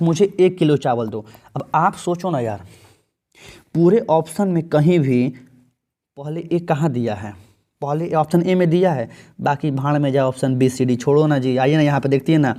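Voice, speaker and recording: A man teaching an exam-prep grammar lesson in Hindi with a Bhojpuri tinge, chatty and firing questions at his students, reading English sentences slowly. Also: a little high, dark tone.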